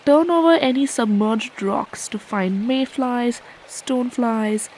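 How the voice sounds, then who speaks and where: Slow-paced New woman explaining to children. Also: on the high side, lively intonation, a little mellow, slight background noise, poor audio. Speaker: presenter of a children's nature show. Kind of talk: scripted educational narration for children.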